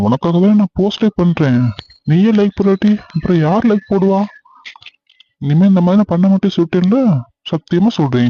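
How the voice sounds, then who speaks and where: A man playing a coaxing young husband. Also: high voice. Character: defensive young husband, later apologetic. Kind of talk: acted phone-call drama. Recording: slightly dull lo-fi sound.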